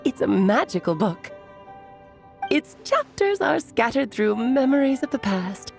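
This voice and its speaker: A woman's voice: on the high side, big pitch swings, unhurried, vocal fry, faint music behind, full character voice. An actress playing a playful, theatrical witch aunt in a video game, with an airy, teasing, dramatic delivery. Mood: teasing, instructive. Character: playful, theatrical witch aunt, grandly whimsical storyteller mage.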